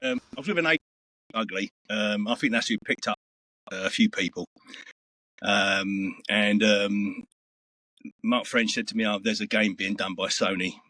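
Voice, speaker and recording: A man's voice: fairly low pitch, moderate pace, pauses often, bright, forceful tone, no echo. A middle-aged man, telling stories in a rambling, earthy way as an interview guest. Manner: rambling, earthy storytelling with swearing. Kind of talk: casual interview chat.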